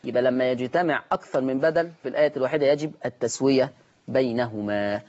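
A man's voice: mid-range voice, steady tone, very fast, darkish tone. Man, egyptian accent, recitation teacher, broadcast lesson, asks and answers his own questions, repeats key terms, slightly dull audio.

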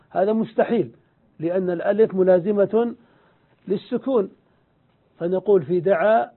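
A man giving a grammar lesson, explaining slowly and deliberately, repeating examples and answering his own questions. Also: high voice. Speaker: Arabic grammar teacher. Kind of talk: lecture. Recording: tinny phone-like sound.

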